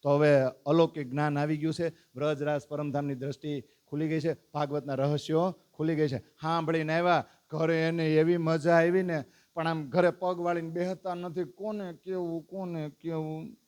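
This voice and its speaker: A man teaches a devotional lesson to a gathered congregation. His voice sits somewhat high, and he talks with lively energy, reeling off lists and pushing his listeners to recite them with him. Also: normal speed. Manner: lively, calls out lists and prompts the audience to recite. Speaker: religious teacher.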